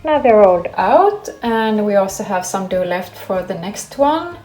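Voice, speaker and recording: With big pitch swings and an unhurried, medium-pitched voice, a Greek woman who grew up in Sweden casually narrates her baking at home for her cooking vlog. Each step gets its own explanation. The recording picks up room echo and faint music.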